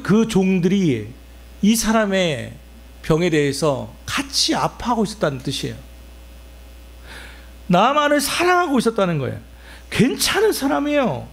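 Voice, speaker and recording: A male pastor preaching a sermon, asking the congregation rhetorical questions as he explains the text. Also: high voice.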